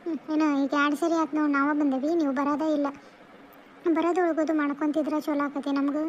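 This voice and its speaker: A middle-aged woman with a North Karnataka accent speaks in a very high voice. She talks casually to family at home, consoling and pleading, and she goes over the same points again and again. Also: little pitch movement, quick pace, highs cut off, slight background noise. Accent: North Karnataka Kannada. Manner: consoling and pleading, repeats herself. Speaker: visiting mother. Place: village home.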